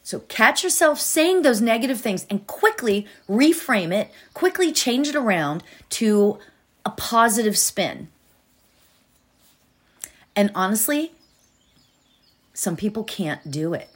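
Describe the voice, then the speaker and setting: A woman's voice: a little high, big pitch swings, takes it slowly, long pauses, husky. A woman teaching meditation and positive thinking in an informal, encouraging manner, repeating phrases for emphasis. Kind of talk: guided meditation and motivational coaching.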